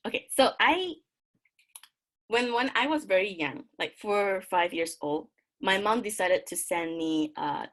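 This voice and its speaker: A woman's voice: mid-range voice, fairly bright tone. A young woman from Malaysia with a Malaysian English accent, giving an academic presentation in a chatty way with many fillers and restarts. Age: young adult. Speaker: graduate student presenter.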